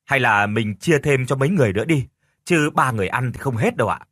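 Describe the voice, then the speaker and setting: A man's voice: mid-range voice, animated, fast, a bit bright, dry recording, clean studio sound. A man voicing a curious young fisherman in an audio story. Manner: curious, questioning.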